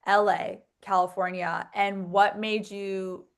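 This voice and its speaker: A woman's voice: medium pitch, level tone, slow, vocal fry. A young woman hosting a casual podcast interview. She is chatty and filler-heavy, with plenty of "like" and "um." She piles several questions into one turn. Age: young adult. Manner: chatty, lots of likes and ums, asks stacked questions. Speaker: podcast host.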